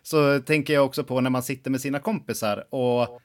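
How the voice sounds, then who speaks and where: An outspoken man co-hosting a podcast, talking at a middle pitch in casual chat. He laughs often as he tells stories about speaking his mind. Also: steady tone. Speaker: podcast co-host.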